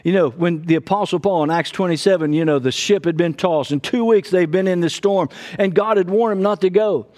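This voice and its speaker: A man's voice: high-pitched, brisk, few pauses, a little mellow. A middle-aged male pastor preaching a sermon with fervor, often breaking in with "praise God" between his points. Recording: long hall reverb.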